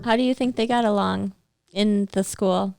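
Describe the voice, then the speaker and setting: Woman podcast host; smooth, clear mid-pitched voice, curious interviewer who keeps prompting. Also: fairly even intonation, normal speed, darkish tone, dry recording, studio quality. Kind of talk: casual podcast conversation.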